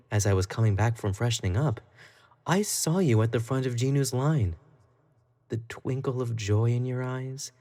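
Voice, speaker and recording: A man with a natural, slightly mellow voice on the high side plays an obsessive, jealous young pop idol. In this dramatic roleplay monologue he speaks intimately to the listener, swinging between sweet pleading and cold condescension.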